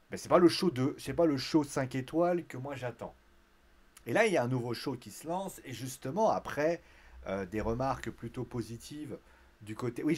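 A man of middle pitch hosting a casual wrestling recap. He talks in a chatty, animated way, with blunt slang and crude asides. Now and then he pushes into a louder, higher voice to act out a quote. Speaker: host of a wrestling recap show. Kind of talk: casual spoken commentary.

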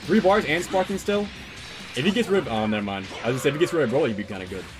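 A man's voice: a little high, lively intonation, very fast, over music. A man giving loose, rambling commentary on a gaming stream, swearing freely as he organizes a tournament.

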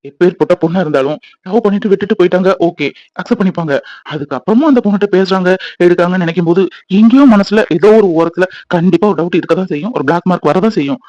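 A man's voice: high-pitched, darkish tone, dry recording, highs cut off, close to an everyday voice. A man voicing a loving young husband in a cartoon, earnest and reassuring. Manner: soothing, coaxing, explaining quickly.

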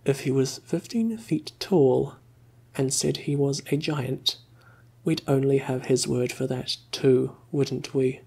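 Whispered role-play, man doing a fed-up wizard, hushed irritated mutter, gravelly, dark. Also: mid-range voice, takes it slowly, exaggerated voice. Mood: exasperated. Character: exasperated cowardly male wizard.

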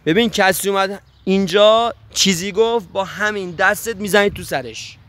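A man's voice: sits high, a bit bright. A man playing a bossy, threatening boyfriend in a hidden camera prank. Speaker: prank actor.

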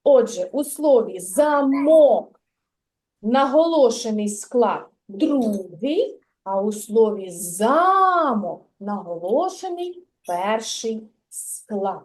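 A woman's voice: on the high side, lively intonation, darkish tone. A woman teaching a reading lesson to young children in a kindergarten classroom, drawing out and sing-songing words as she questions and corrects them. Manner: slow, drawn-out, sing-song repetition of words.

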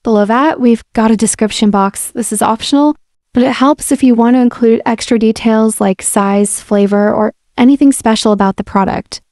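Explaining an app one step at a time, a woman with a fairly high pitch keeps a normal speed and a relaxed, friendly tone. This casual screen-recorded walkthrough comes from a software demo presenter speaking into a voice-over mic. There's no echo, just clean studio sound.

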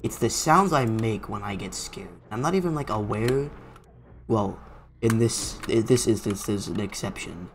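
A man's voice: lowish voice, expressive, moderate pace, slight background noise. A young man giving rambling let's-play commentary from a home gaming setup, yelping and gasping when startled. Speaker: gaming YouTuber.

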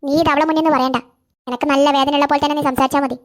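A woman's voice: high voice, steady tone. A woman voicing a scheming, boastful stepmother in a cartoon, scornful in her talk. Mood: spiteful. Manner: boastful, scornful, rapid-fire. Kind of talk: cartoon voice acting.

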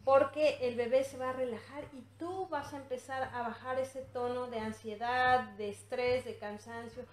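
A woman teaching baby massage step by step, speaking gently with frequent fillers and restarts. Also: high-pitched, steady tone, moderate pace, few pauses. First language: English-teaching background, usually teaches in English. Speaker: infant massage instructor. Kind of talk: demonstration tutorial. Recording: echoey room.

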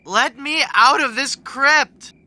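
Bright-voiced hapless young adventurer. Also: male voice, fairly high pitch, big pitch swings, moderate pace, heavily acted. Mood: urgent pleading. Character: boyish, hapless, wisecracking young adventurer hero. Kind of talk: cartoon adventure game voice acting.

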